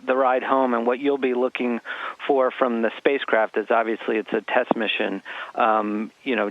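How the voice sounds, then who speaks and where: A man's voice: medium pitch, gravelly, no echo. A man working as a reporter, asking interview questions with casual, tentative phrasing over a phone line. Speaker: newspaper reporter. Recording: thin, dry phone-like line.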